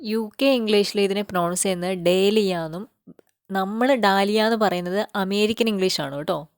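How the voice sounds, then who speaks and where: A woman's voice: mid-range voice, normal speed, dry recording, studio quality. A woman from Kerala talks her viewers through a farm garden outdoors. Her delivery is casual and explanatory. She keeps checking in with little tag questions as she goes. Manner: chatty, explanatory, often adds tag questions. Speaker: vlogger. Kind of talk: casual walking farm-tour vlog.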